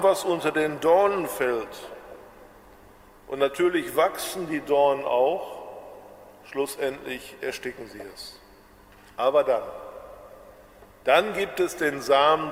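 A man from the Ruhr area preaching a sermon with a Ruhr German accent, slow and measured, drawing out his words. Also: fairly high pitch, roomy sound, long reverb tail. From Bochum, Ruhr area, Germany. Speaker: pastor.

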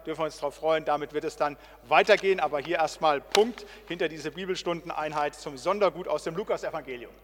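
A man's voice: a little high, fast talker, few pauses, in a large hall, background noise. A middle-aged man, a pastor, giving a casual Bible study talk and dropping in "ne?" and "halt" as he goes. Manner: casual, with tag questions "ne?" and "halt".

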